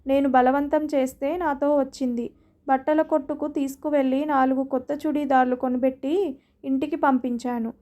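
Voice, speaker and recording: Storybook husband, earnest and pleading, high flat tone as a woman reads him. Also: normal speed, lightly acted. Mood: explaining. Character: young husband, patient and pleading. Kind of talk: storybook reading.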